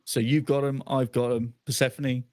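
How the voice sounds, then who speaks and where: A man's voice: mid-range voice, flat delivery, normal speed, darkish tone. A man chatting casually and jokingly as a player in a tabletop game.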